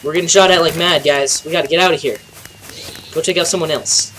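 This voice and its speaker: A young man with a stuffy, nasal voice casually commentating a game, joking around and shouting bursts of excitement at the action. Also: a little high, quick pace, slight background noise. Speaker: gameplay commentator. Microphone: home desk mic.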